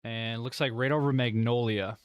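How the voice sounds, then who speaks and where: A man's voice: mid-range voice, fairly even intonation, normal speed, smooth, dry recording. A man hosting live severe weather coverage, commenting with concern and repeating key points. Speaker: severe weather livestream host.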